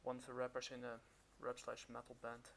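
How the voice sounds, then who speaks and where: A man talking through a face mask, hosting a casual reaction commentary in a halting, hesitant way. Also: mid-range voice, monotone, creaky, fairly bright tone. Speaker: reaction video host. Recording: hissy, noisy recording.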